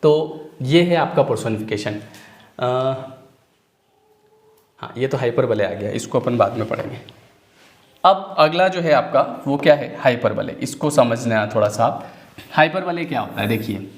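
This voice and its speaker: A man's voice: medium pitch, lively intonation, normal speed, long pauses. A young man from Chhattisgarh teaching an exam-prep English lecture, chatty and joking, often asking his students rhetorical questions. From Chhattisgarh, India. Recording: echoey room.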